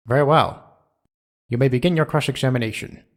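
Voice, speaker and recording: A man's voice: medium pitch, fairly quick, noisy background, natural voice. A man acting an authoritative older courtroom judge in a video game drama, formal and musing. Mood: measured. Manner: formal, musing, hesitant hums. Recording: music clearly under the voice.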